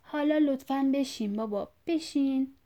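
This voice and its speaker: A woman's voice: high voice, warm tone, pitched above the performer's own voice, natural voice. A woman reading a story aloud, voicing a grown son who pleads patiently with his father. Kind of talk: audiobook reading.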